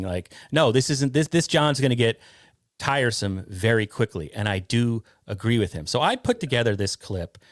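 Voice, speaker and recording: A man hosts a podcast in a mid-range voice, giving his opinions and rambling with restarts. The sound is dry and close, with no room echo. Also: medium pitch. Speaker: podcast host. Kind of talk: casual podcast commentary.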